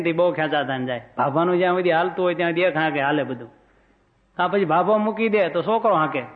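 A man giving a devotional discourse, who chants verses slowly and then explains them in plain speech. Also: a little high. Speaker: religious storyteller. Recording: dull lo-fi recording.

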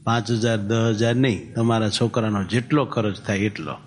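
A man's voice: lowish voice, fairly even intonation, moderate pace, slight background noise. A man giving a sermon, telling stories and reciting scripture verses, then explaining them in plain, homely terms. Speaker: religious preacher. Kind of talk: sermon with storytelling.

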